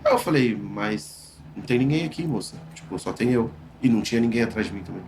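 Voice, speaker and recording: A Brazilian man earnestly recounting a personal experience in an interview, emphatic and halting with restarts. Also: fairly low pitch, lively intonation, noisy background.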